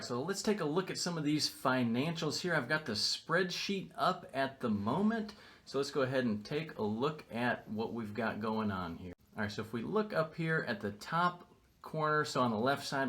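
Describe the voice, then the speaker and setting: An upbeat real estate investor vlogger gives a casual video walkthrough of a renovation, indoors and out, with construction noise in the background. His medium-pitched voice is expressive and fairly bright, moving at a moderate pace. He explains things in a matter-of-fact way.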